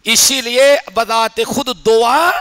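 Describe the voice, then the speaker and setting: A man preaching a sermon in a mosque, telling stories dramatically and swinging between whispers and shouts. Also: very high voice, steady tone, clear, resonant tone. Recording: echoey hall reverb.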